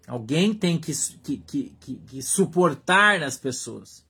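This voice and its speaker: A man preaching a sermon as pastor, in Brazilian Portuguese, emphatic, repeating short phrases and dropping to a hush. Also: a little high, animated, takes it slowly, gravelly, breathy edge.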